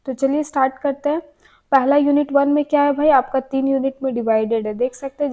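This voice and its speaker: Chatty high-voiced woman teaching exam notes. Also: dark tone. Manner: chatty, keeps asking and answering her own questions. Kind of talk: casual exam-prep lecture.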